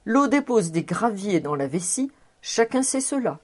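A woman's voice: medium pitch, sing-song, measured pace. A woman reading the part of a pedantic male professor in a storybook, in a lecturing, matter-of-fact way.

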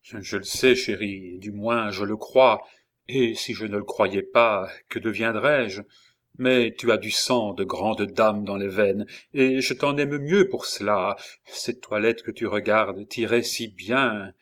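Storybook role: earnest, tender young husband, read by a male narrator, slightly lifted and warm. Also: fairly low pitch, takes it slowly.

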